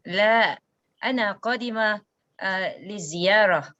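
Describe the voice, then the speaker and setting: Woman, Arabic student, hesitant, slow, muffled call audio. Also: mid-range voice, fairly bright tone. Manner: hesitant, searching for words. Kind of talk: classroom practice dialogue. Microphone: video call.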